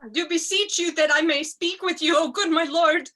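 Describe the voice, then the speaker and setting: A woman's voice: extremely high pitch, normal speed, pushed and bright. A woman playing a loyal, outspoken maidservant, impassioned and declamatory, in a Shakespearean tragedy reading. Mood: urgent. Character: loyal, outspoken, fiery maidservant to a murdered lady. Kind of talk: Shakespearean tragedy cold read.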